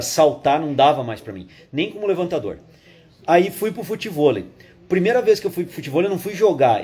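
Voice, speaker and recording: A man teaching a live online fitness course in a casual, animated way, full of slang and quick check-ins. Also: a little high, breathy edge. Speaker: physical education instructor.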